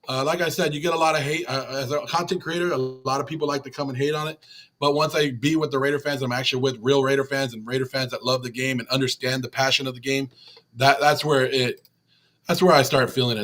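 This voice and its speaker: On the high side and a bit bright, a man hosts a fan channel stream once the game ends. His rant is emotional and repetitive, built around reading and replying to chat.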